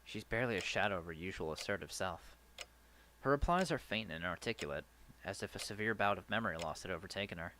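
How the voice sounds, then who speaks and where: A man's voice: deep voice, quick pace, slight background noise. A man hosting a let's play, reading a visual novel's first-person narration aloud with the occasional stumble. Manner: earnest first-person narration with a lively delivery and some stumbles. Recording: faint game music behind.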